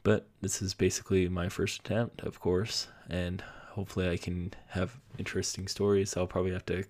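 A man's voice: deep voice, little pitch movement, fairly quick, darkish tone. A young man hosting his own podcast from home, rambling casually with lots of fillers and self-deprecating asides. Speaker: podcast host. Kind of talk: casual solo podcast monologue. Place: home basement room.

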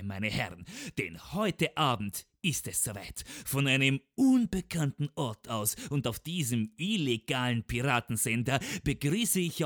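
A self-styled rebel pirate radio host, played by a man, announces his illegal show with puffed-up bravado. He stammers and piles up hesitations, his pitch leaping all over the place. The sound is close and dry, with no room around it. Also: fairly bright tone, no echo. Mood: theatrical announcing. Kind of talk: comic audio sketch.

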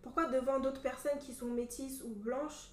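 A young woman from Cameroon telling a story in casual chat, animated and full of fillers. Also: high-pitched, normal speed, slight background noise. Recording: echoey room from a distance.

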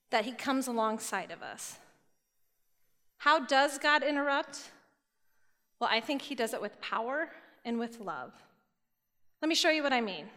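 A woman giving a sermon to a youth group, retelling scripture stories in a lively, casual storytelling way. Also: a little high. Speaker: youth speaker. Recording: long hall reverb.

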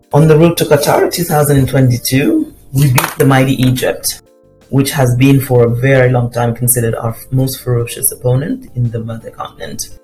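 A man with a Senegalese accent addresses listeners in an informal prepared talk. His voice is mellow and sits at a medium pitch. Faint music plays behind him. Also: rough recording. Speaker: guest contributor.

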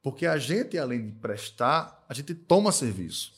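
A man's voice: medium pitch, very animated, moderate pace, breathy edge. Guy chatting on a podcast, emphatic, keeps repeating himself and tossing in little checks like "right?". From Northeast Brazil. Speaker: accounting firm owner, podcast guest. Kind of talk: casual podcast conversation.

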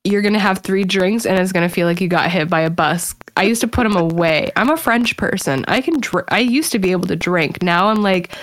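A woman's voice: fairly low pitch, fairly quick, few pauses, dry recording. A woman in her thirties, a podcast guest, chatting candidly and laughing often. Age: 30s. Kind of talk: casual chat.

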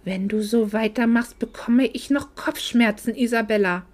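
A woman's voice: a little high, normal speed, a little mellow, natural voice. A woman voicing a cold, dismissive middle-aged mother who talks down to her grown daughter in a curt, condescending way. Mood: cool, reproachful.

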